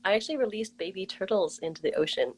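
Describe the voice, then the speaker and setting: A woman hosting a casual interview, chatty and bubbly and quick to laugh as she tells stories and asks questions. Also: medium pitch, expressive, breathy edge, rough recording. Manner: bubbly, giggly, chatty storyteller. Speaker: host.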